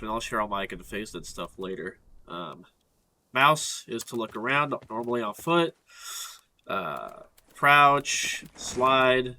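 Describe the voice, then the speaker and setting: A man with a cold and a stuffed-up nose, explaining a gaming setup in a casual, halting walkthrough with frequent fillers. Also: lowish voice, bright, forceful tone.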